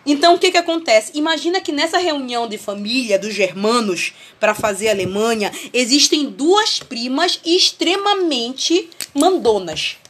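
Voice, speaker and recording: A woman with a Brazilian accent leads an online history lesson, her voice sitting high. She explains through everyday family comparisons and keeps checking in with her students. The sound comes through a video call. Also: animated, moderate pace, hardly any pauses, a bit bright. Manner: homely family analogies, checks in with students often. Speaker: history teacher.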